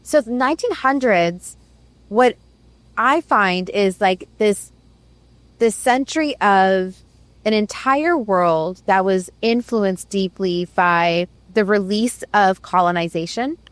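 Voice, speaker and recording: A woman's voice: mid-range voice, slow pace, no room sound. A woman host raised in the Middle East, musing thoughtfully in conversation with many "right"s and "like"s. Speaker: podcast host. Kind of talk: reflective conversation.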